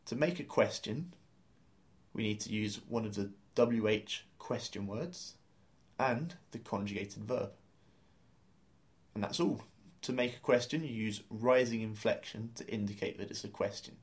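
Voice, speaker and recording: Male lesson host, fairly low voice, upbeat explainer who laughs easily. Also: unhurried. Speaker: language course host.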